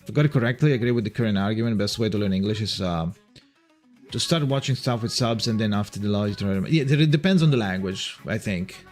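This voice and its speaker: An Italian man hosts a livestream, chatting casually with viewers and reading their messages aloud in an Italian accent, rambling and frequently restarting. His lowish voice is quick and a little mellow, over soft background music.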